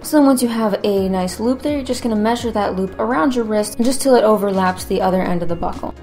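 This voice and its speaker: Female craft tutorial host, mid-range pitch, informal and chatty instructional narration, music bed behind. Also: fast, darkish tone. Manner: informal, conversational.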